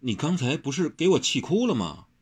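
A man's voice: a little high, very animated, brisk, slightly rough, pitched above the performer's own voice. A man voicing a flustered, earnest young swordsman who stammers and repeats himself. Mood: indignant.

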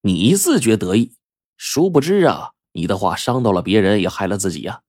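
A man storyteller voicing a shrewd old male village fortune-teller with a husky, drawling, knowing manner. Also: lowish voice, lively intonation, normal speed, a little mellow, dry recording, studio quality.

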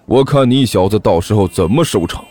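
A man's voice: mid-range voice, sing-song, normal speed, mellow. A man voicing a stern school teacher who sneers and scolds. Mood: sneering. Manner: cold, sneering.

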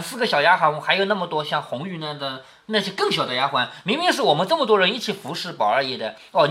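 A father reads a classic novel aloud to his daughter and breaks off to explain it. His voice is bright and carries a clear edge, and it swings widely in pitch. He keeps asking short checking questions and gives the quoted lines a raised, acted lilt. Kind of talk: reading aloud and explaining the text.

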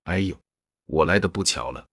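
A witty young noblewoman with a sharp, jealous tongue, as a man reads her aloud in a storybook. The voice is deep, husky and dry. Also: animated, normal speed, no room sound, exaggerated voice. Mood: teasing. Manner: read in the narrator's own voice.

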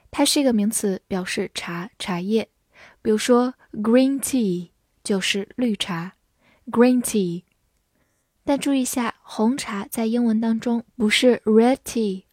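A young woman teaching English vocabulary in a scripted lesson, spelling words out and drilling them slowly and clearly. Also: fairly high pitch, dry recording, studio quality.

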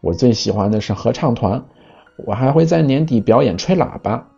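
A man voicing a kindly old elephant in a storybook, reminiscing in a warm-hearted way. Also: medium pitch, lively intonation, normal speed, vocal fry, slightly rough, lo-fi sound. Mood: fond. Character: oldest elephant of the savanna, fond and kindly.

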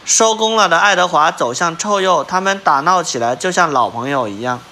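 A man reading a picture book aloud to a child, pausing to ask the listener questions. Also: a little high, lively intonation, sharp tone, slight background noise.

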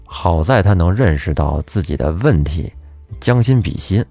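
A man narrating a folk ghost story on a podcast in a chatty, lively way, with asides to his listeners. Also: low-pitched, normal speed, dry recording, faint music behind.

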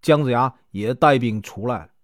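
A man's voice: medium pitch, normal speed, no room sound, clean studio sound. A man retelling a classic legend as a storyteller, in a chatty folk style full of filler particles.

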